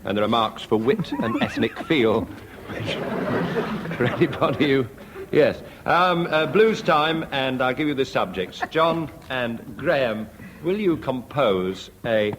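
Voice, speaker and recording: A man's voice: medium pitch, animated. Man chairing a 1970s radio panel game. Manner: brisk, dry announcing of games and scores. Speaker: quiz chairman. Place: radio studio with live audience. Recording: 1970s radio archive, noisy.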